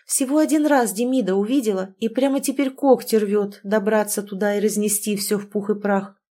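A woman giving an expressive, conversational audiobook narration with an intimate storytelling manner. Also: mid-range voice, brisk.

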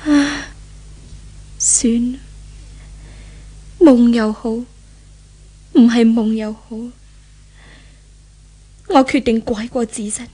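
In a 1970s Hong Kong Cantonese radio drama, a woman theatrically plays an earnest, repentant married lady from a well-off household. Her voice is slightly high and mellow.

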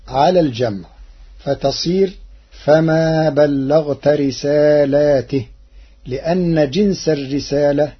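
A man with a husky, raspy voice explains points of Quran reading in a formal radio lesson. He speaks slowly and deliberately, drawing out the words he quotes, in a fairly high register. The sound is dull and lo-fi, like an old radio broadcast.

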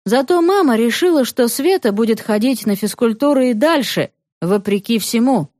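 A woman narrating an audiobook story with an expressive, dramatic reading. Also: a little high, normal speed, no echo, studio quality.

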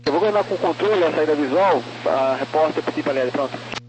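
Higher-voiced Brazilian man on crackly radio. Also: brisk. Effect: aviation radio transmission. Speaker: air traffic controller in a tower. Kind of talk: clipped procedural radio communication. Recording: crackly, noisy air-band radio. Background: radio static and noise.

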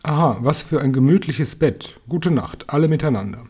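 A man's voice: a little high, animated, moderate pace, dark tone, slightly rough. A man reading a storybook, voicing a genial, courteous old male grasshopper. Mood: cheerful. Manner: courteous, cheerful.

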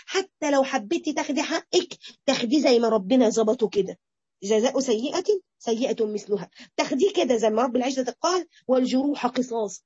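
Fast, high-voiced Egyptian woman teaching. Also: breathy edge, dry recording, highs cut off. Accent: Egyptian Arabic. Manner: animated, acts out quoted speech. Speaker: religious teacher. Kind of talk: Quran interpretation lesson to women.

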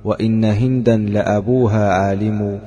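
A man reciting a grammar poem, chanting the rhymed verses in a measured way. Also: lowish voice, steady tone, warm tone, in a large hall.

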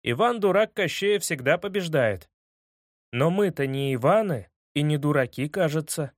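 Guy reading a kids story aloud, high voice, lively, dry close sound. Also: normal speed, dry recording. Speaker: audiobook reader. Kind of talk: scripted audiobook narration.

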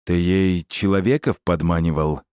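A man voicing a gruff, stern musketeer soldier who barks his orders with contempt. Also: sits low, normal speed, darkish tone, no room sound, studio quality, close to an everyday voice. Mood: contemptuous. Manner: barking, coarse, contemptuous.

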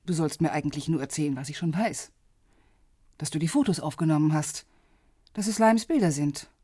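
A woman with a deep, husky, mellow voice acts as a composed intelligence officer in a radio drama, businesslike, discreet, and measured in her matter-of-fact delivery. It's studio quality, free of any room sound.

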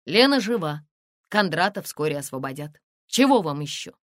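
A brusque, secretive middle-aged museum director, voiced by a woman reading the story, terse and mocking. His lines come in a lowish voice, recorded close and completely dry. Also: very animated, moderate pace, no echo.

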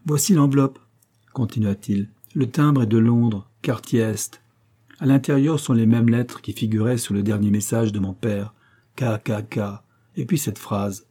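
A man voicing a desperate young gentleman who feels hunted by fate, telling his story anxiously. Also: mid-range voice, steady tone, a little slow, breathy edge.

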